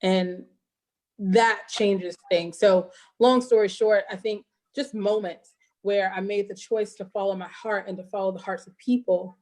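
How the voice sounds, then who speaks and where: A woman's voice: mid-range voice, fairly even intonation, unhurried, darkish tone. Woman, interview guest, earnest and heartfelt, mid-range voice, talking over a video call. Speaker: guest filmmaker and teacher. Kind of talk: casual interview chat.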